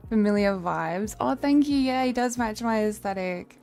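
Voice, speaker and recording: A woman's voice: medium pitch, moderate pace, vocal fry, a little mellow, faint music behind. A young woman streamer chatting casually with her viewers, rambling and swearing freely.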